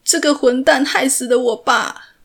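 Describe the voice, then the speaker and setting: A woman voicing a grief-stricken young man who shouts through tears in a retold drama. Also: high-pitched, big pitch swings, moderate pace, vocal fry, full character voice. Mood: anguished.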